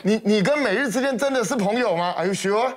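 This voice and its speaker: A man's voice: high-pitched, fast talker. A man with a Taiwanese Mandarin accent giving heated talk show commentary in a television studio, scornful and full of sarcastic rhetorical questions. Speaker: political commentator.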